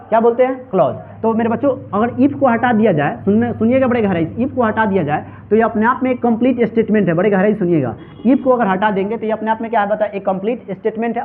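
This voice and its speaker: A man teaching an English grammar lesson to students, drilling them with repeated questions and answering in call-and-response. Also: high voice. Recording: tinny phone-like recording.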